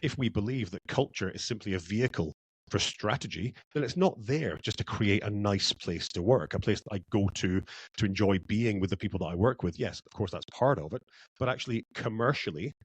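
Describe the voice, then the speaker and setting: Low-voiced man, dry close sound. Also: a little fast, breathy edge, no room sound. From Scotland. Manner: reflective, repeats words as he thinks. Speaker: guest, culture consultant. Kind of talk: podcast interview.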